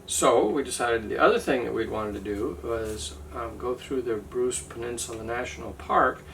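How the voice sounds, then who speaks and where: A man with a gravelly, bright voice tells a trip story in a loose, rambling chat full of fillers and small jokes. He sits back from the mic, and there is a faint hiss of ambient noise. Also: medium pitch, normal speed, distant mic, rough recording. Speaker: travel vlogger. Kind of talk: casual chat.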